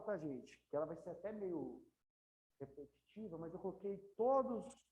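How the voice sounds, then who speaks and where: A woman with a Brazilian Portuguese accent teaching an English class in a classroom, chatty and often checking in with her students. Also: deep voice. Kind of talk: classroom lecture. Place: classroom, also streamed to students at home. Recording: dull lo-fi classroom recording.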